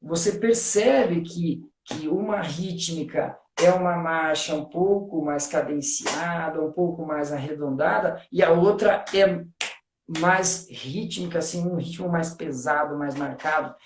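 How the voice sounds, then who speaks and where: A man's voice: fairly high pitch, unhurried, roomy sound, a little hiss or hum. A man, a guest on a live stream, explains things eagerly in casual talk. He fills his speech with "né" and counts out rhythms aloud. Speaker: guest discussing literature.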